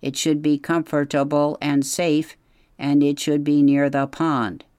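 A reader voicing a polite female robot who has adopted a gosling, speaking in a measured, formal way without contractions. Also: medium pitch, level tone, a little mellow, clean tone, dry recording, studio quality, pitched above the performer's own voice, lightly acted. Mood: calm.

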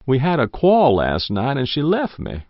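A man's voice: mid-range voice, wildly swooping pitch, normal speed, no echo, voice pushed up. A man voicing a thin, pale, confused old farmer who speaks in rustic speech. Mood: mild. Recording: dull lo-fi audiobook recording.

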